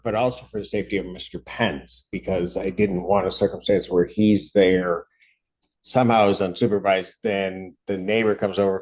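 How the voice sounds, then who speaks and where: Low-voiced judge, halting and careful. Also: male voice, darkish tone, lo-fi sound. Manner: halting and careful, many restarts and fillers; apologetic, measured. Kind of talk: court hearing, speaking from the bench. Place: courtroom.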